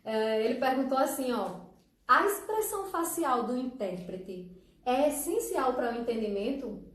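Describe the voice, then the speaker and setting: A chatty, fairly high-voiced woman hosts a live stream as a teacher. She talks straight to her viewers with easy laughter. She sits well back from the mic in a very echoey room. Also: sing-song, moderate pace, far from the mic. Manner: warm, chatty, laughs often, addresses viewers directly. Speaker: teacher hosting an Instagram live. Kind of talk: casual live-stream chat.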